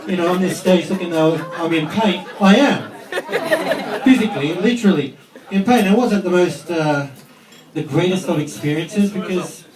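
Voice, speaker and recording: A man with an Australian accent doing a chatty, self-deprecating stand-up set on a club stage. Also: sits high. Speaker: stand-up comedian. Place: comedy club stage with audience. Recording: echoey club, distant mic, crowd laughter.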